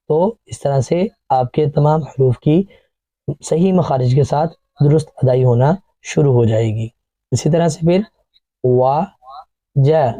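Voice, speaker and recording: Man, Pakistani Urdu accent, patient Quran teacher, dark mellow voice, dry close sound. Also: fairly high pitch, no room sound, rough recording. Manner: patient, drills each sound slowly, repeating it. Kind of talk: online class, slow syllable drilling.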